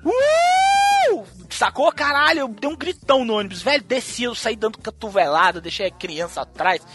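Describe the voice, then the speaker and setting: A man from Brazil telling a wild story in a casual, profane and animated way, acting out what people said. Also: high voice, a little fast, soft background music. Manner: profane, animated storyteller who acts out quotes. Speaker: podcast host.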